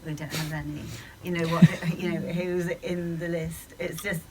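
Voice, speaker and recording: A woman's voice: on the low side, little pitch movement, moderate pace. A woman from the UK, a film producer, talking casually and frankly at a post-screening Q&A in a screening room. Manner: casual and frank, laughing easily. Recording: distant, noisy room sound.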